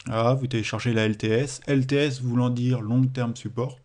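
A man's voice: mid-range voice, fairly even intonation, fairly quick, a little mellow. A man with a French accent, explaining a computing exercise in a screen-recorded tutorial, with hesitations and self-corrections. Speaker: teacher.

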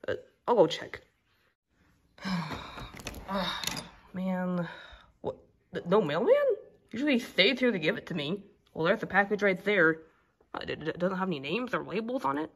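A woman's voice: medium pitch, lively intonation, moderate pace, long pauses, a little hiss or hum, pitched below the performer's own voice, natural voice. A woman voicing Sylvester, a stingy male caretaker in a plush toy video, who grumbles and stammers a lot. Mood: grumbling.

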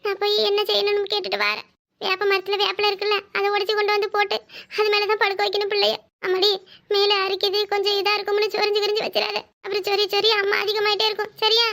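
A woman doing a shrill bossy village mother-in-law. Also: steady tone, fairly bright tone. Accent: southern Tamil Nadu Tamil. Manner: bossy, fast, scolding yet tender. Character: fussing caring older village mother-in-law. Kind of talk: cartoon voice acting.

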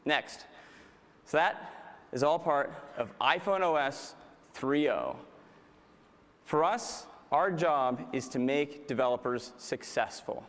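A man's voice: medium pitch, expressive, slow, a bit bright. Upbeat man presenting in a hall. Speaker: keynote presenter. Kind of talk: product keynote presentation. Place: large conference hall stage. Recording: large hall reverb.

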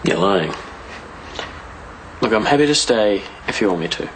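A man's voice: on the low side, animated, moderate pace, a little hiss or hum, natural voice, rough recording. An actor playing a wry, teasing young man next door in a TV soap, with a New Zealand accent. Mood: sardonic, probing. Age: young adult. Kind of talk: naturalistic TV soap acting. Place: indoors, small flat.

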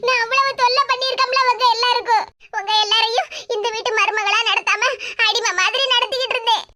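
Woman doing remorseful pregnant young wife, Kanyakumari Tamil accent, very high squeaky cartoon voice, noisy audio. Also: steady tone, fast. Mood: tearful, remorseful. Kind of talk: animated cartoon comedy dialogue.

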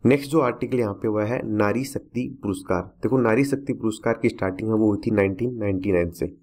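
A man's voice: lowish voice, darkish tone. A man teaching a current affairs lesson for exam students, repeating key facts to remember.

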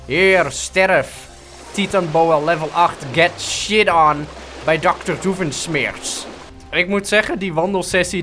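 A young Dutch gaming streamer with a Dutch accent gives casual gameplay commentary full of jokes and swearing, slipping into English and mock German. His voice is fairly high and bright.

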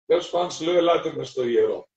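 A middle-aged Greek man, a priest, telling stories to an audience and acting out the dialogue in them. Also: on the high side. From Greece. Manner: lively anecdotal storytelling, acting out dialogue. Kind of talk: storytelling sermon talk. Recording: roomy, distant, dull lo-fi recording.

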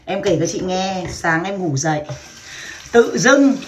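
A woman's voice: on the low side, fairly even intonation, moderate pace, slight background noise. A woman from Vietnam in her thirties, chatting brashly and crudely on a casual livestream and laughing often. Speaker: livestream seller.

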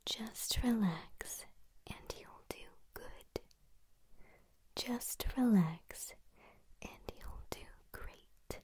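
A woman in her twenties doing whispered role-play as an ASMR coach, speaking in a breathy, soothing, soft bedside voice very close to the mic. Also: a little high, drawn-out words, long pauses. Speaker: ASMR host leading vocal warm-ups. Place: small room at home, indoors. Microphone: close to the mic, leaning in.

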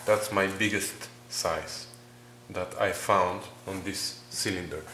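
A man talking slowly through engine measurements in a workshop tutorial, pausing and filling gaps as he works out numbers. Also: low-pitched, fairly even intonation, sharp tone, a little hiss or hum. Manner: methodical, talking through numbers with pauses and fillers. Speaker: home mechanic explaining engine measurements. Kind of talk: step-by-step tutorial narration.

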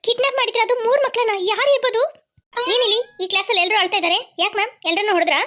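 A woman's voice: very high voice, rapid-fire, fairly bright tone. A woman voicing a caring, anxious female schoolteacher in a cartoon, fussing and exclaiming. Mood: worried. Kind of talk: cartoon voice acting. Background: music.

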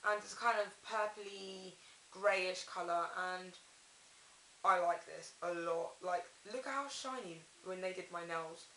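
A woman's voice: lowish voice, a bit bright. Young female vlogger, casual and rambling, self-correcting; echoey small room, faint hiss on camera mic. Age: young adult. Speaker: haul vlogger. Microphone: camera mic at arm's length. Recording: echoey bathroom, audible hiss.

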